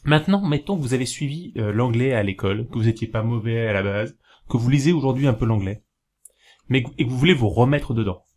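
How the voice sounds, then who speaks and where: A man talking casually to camera, giving practical tips in a rambling, hesitant way, with many fillers and self-corrections, slowing down to spell things out. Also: medium pitch, expressive, darkish tone. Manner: explains slowly, spelling things out while writing. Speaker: video host giving learning tips.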